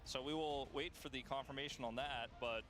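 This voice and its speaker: A man's voice: medium pitch, fairly even intonation, a little fast, a bit bright, soft background music. A man commentating a professional esports match, explaining rules at length with playful asides. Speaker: esports caster. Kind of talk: play-by-play commentary.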